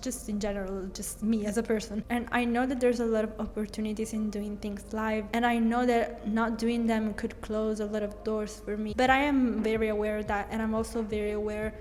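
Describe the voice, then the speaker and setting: A young Italian woman, a brand designer and content creator, talks candidly about her design business in a casual Q&A vlog, speaking English as a second language with an Italian accent. Her slightly high, darkish voice carries a long reverb tail, and her chatty speech is sprinkled with "like."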